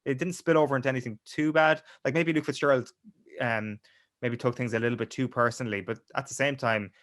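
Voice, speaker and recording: A man's voice: mid-range voice, fairly even intonation, fast, fairly bright tone, no room sound, studio quality. A sports journalist, a young man, talking casually as a podcast guest, with many restarts and fillers.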